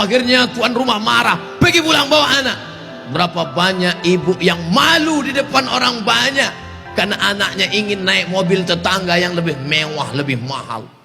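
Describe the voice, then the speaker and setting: A man preaching a humorous Islamic sermon to a gathering, mixing jokes and quick mimicked voices and calling out questions to the crowd. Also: a little high, sharp tone. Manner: joking, mimics people in quick voices, calls out to audience.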